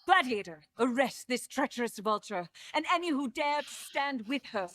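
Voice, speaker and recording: An actress playing a proud, passionate alien empress in an animated series, earnest and dramatic. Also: female voice, sits high, moderate pace. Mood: commanding anger.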